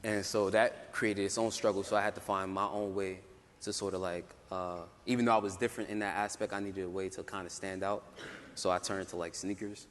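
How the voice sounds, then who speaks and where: A young man panelist telling his story in a casual way, full of "like" fillers and quick laughs. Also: sits low, little pitch movement, a bit bright, a little hiss or hum. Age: young adult. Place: conference hall. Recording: roomy hall, faint ambience.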